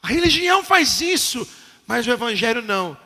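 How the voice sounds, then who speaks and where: A Brazilian pastor preaches in a very high, piercing voice, driving his points home with repetition. He drops to a hush, then climbs to a shout. A long church reverb trails every phrase. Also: very animated, normal speed. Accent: Brazilian Portuguese. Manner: swings from hushed to shouting, emphatic repetition. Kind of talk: sermon. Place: church sanctuary.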